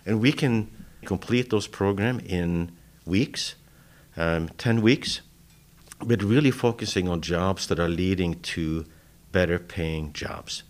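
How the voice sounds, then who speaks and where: A man with a very deep voice answers interview questions. He explains things in a steady, measured way. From Norway. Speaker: college vice president, interview guest.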